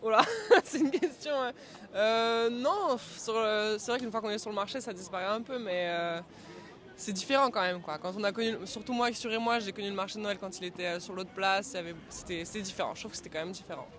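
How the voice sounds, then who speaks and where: A woman's voice: medium pitch, brisk, fairly bright tone. A woman from Reims chatting casually in a street interview, hesitating and trailing off at the ends of sentences. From Reims, France. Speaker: interviewee, local visitor.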